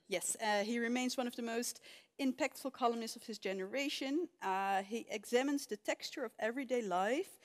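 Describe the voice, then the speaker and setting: A woman moderating a live lecture event, talking casually with many fillers and small laughs as she questions the audience. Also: on the high side. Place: lecture hall.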